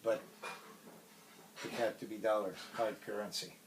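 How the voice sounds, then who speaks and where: A middle-aged man from Poland with a Polish accent, a native Polish speaker, recalling his past in a casual interview in a halting way with many pauses. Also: lowish voice, steady tone, far from the mic, noisy background. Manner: halting, pausing often mid-phrase.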